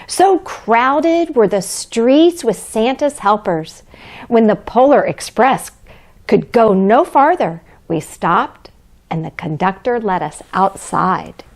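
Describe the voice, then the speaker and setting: A woman playing a kindly Mrs. Claus, reading a children's storybook aloud in a gentle, deliberate, expressive way. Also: a little high, exaggerated voice. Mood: gentle, excited.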